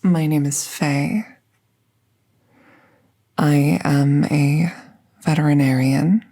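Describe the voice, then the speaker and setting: In a roleplay audio, a woman fully voices a gentle, calm magical veterinarian tending a wounded werewolf. She speaks slowly in a soft, mellow, creaky low voice that is breathy and half-whispered, keeping everything hushed, soothing and reassuring.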